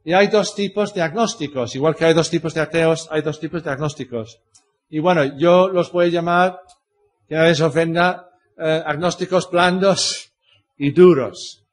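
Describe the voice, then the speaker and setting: A man's voice: on the high side, moderate pace. An older man from Britain with a British English accent, a native English speaker, teaching a Bible class as a pastor, explaining step by step with rhetorical questions and frequent tag questions.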